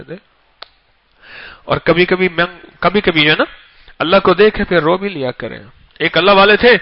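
A man preaching an emotional storytelling sermon, repeating phrases for emphasis and swinging between loud and hushed delivery. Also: high-pitched. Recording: dull lo-fi recording.

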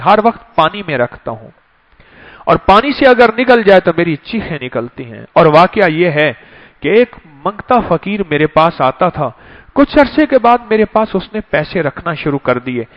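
A man preaching an emotional sermon, repeating phrases and reciting verses. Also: a little high. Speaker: religious speaker. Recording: dull lo-fi recording.

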